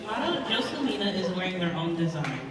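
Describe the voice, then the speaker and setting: A woman's voice: on the low side, very animated, quick pace. A woman working as a fashion show emcee, announcing models and describing their outfits over a sound system. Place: large echoing hall at a live show. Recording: echoey hall PA, far off, loud music, crowd. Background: loud music and crowd noise.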